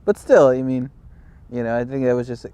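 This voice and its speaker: A man from California hosting a casual interview, talking haltingly with many fillers and restarts. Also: medium pitch, warm tone, clean tone. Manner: halting, restarts, heavy "you know" fillers. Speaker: host, interviewer.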